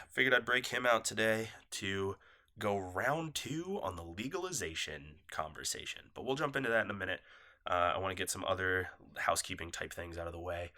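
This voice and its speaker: A male podcast host with a low voice, congested and nasal from a cold, coughs his way through a loose, rambling, apologetic solo chat with a laid-back manner and a bright edge to his tone. He's recorded on a phone set down nearby.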